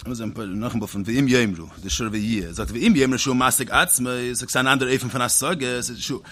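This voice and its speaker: A man giving a Talmudic-style study lecture, reasoning aloud in rapid, animated bursts with repeats and restarts, and quickly chanting quoted Hebrew texts. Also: mid-range voice. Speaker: teacher.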